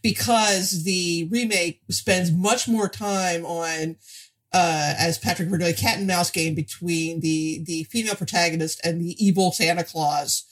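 A woman co-hosting a podcast, discussing film casually in a halting way, repeating words as she explains. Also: on the low side, fairly even intonation. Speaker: podcast co-host.

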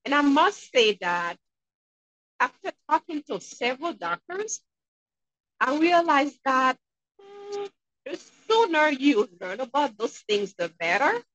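A woman from Haiti with a Haitian accent, a dentist being interviewed, talking in an upbeat, expressive way. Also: sits high, slow pace, rough recording. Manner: upbeat, expressive, acts out quotes. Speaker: guest dentist. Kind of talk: interview conversation.

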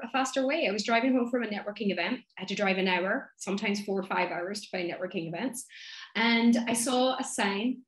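A woman with a west of Ireland, Donegal accent tells stories casually and animatedly, as a guest in conversation. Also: mid-range voice. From Donegal, northwest Ireland. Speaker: podcast guest, speaking coach. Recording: roomy, echoing sound.

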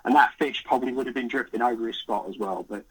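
A young man, a podcast guest recounting a catch in excited, vivid casual chat with the odd swear word. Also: mid-range voice, quick pace, crowd noise, poor audio. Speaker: podcast guest, carp angler.

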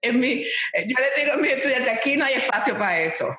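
A woman's voice: high-pitched, animated, fast, sharp tone, echoey room. A woman entrepreneur, answering an interview in an emphatic, no-excuses way. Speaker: entrepreneur guest.

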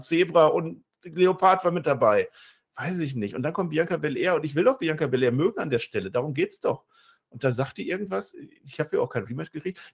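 A man's voice: fairly high pitch, gravelly, husky. A man co-hosting a casual wrestling review chat, ranting in exasperation.

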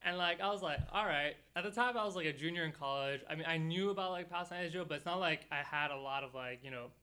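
Bright, clear-voiced young man hosting. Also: a little high, quick pace. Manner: relaxed storytelling with many fillers. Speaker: podcast host. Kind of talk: casual podcast chat. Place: studio.

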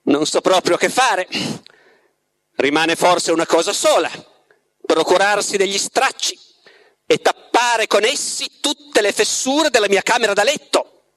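A man reading aloud, voicing a suave, mocking devil who is ancient and all-powerful, with a slow, drawn-out, sly delivery. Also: sits high, fairly bright tone, pitched above the performer's own voice.

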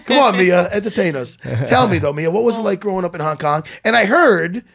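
A man's voice: high voice, lively intonation, a little fast, creaky, fairly bright tone. A man from Long Island hosting a podcast, rambling and joking, swearing freely in casual chat. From Long Island, New York. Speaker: podcast host.

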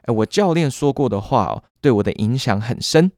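A man's voice: medium pitch, expressive, a little fast, a little mellow, dry recording, studio quality. A man with a Taiwanese Mandarin accent co-hosting a casual bilingual podcast lesson, patiently explaining vocabulary in a chatty, joking way. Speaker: podcast co-host teaching English.

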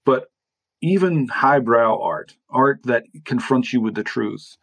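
A man's voice: medium pitch, takes it slowly, vocal fry, dry recording. A man, an author and theologian, talking through ideas in a reflective interview and often checking in with "right?". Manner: thoughtful, qualifying with frequent "right?".

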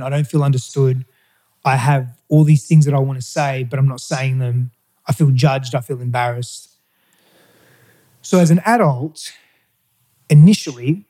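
A middle-aged Australian man, described as Greek, looks back on his past as a guest in an interview. His mid-range voice is mellow and dark, and he speaks candidly but hesitantly, pausing often and restarting with fillers as he tells his personal story.

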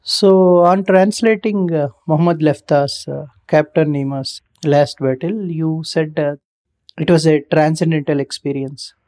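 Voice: medium pitch, measured pace, dark tone. An interviewer asking questions hesitantly, with many filler sounds.

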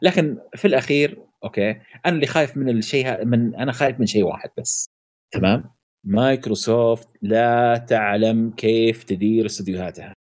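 A man co-hosting a casual gaming podcast, opinionated and animated, often pausing on fillers and searching for words. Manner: animated and opinionated, jumps to high pitch for emphasis; many hesitations and filler sounds. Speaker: podcast co-host.

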